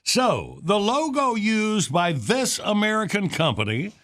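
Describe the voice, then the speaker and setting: A man's voice: sits high, big pitch swings, a little slow, fairly bright tone. A man hosting a morning radio quiz in a folksy, casual way. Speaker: radio morning show host.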